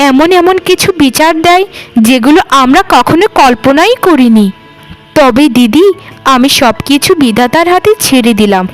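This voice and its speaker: In a high-pitched voice on a low-quality recording, a woman plays a weary, aggrieved village sister-in-law in a melodramatic cartoon, complaining plaintively through the dialogue.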